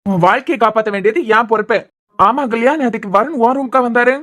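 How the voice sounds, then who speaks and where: A woman's voice: on the high side, fast talker, fairly bright tone, lightly acted. A woman voicing a sarcastic young man in a cartoon serial, with a Kanyakumari Tamil accent. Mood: sly. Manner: sarcastic, needling questions. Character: shrewd sarcastic young man probing family.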